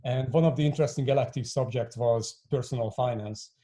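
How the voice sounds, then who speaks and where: Hungarian-born man in his forties, mellow. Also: medium pitch, fairly even intonation, fairly quick. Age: 40s. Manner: many restarts and fillers, stammering repeats. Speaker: guest, fintech co-founder. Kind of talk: podcast interview.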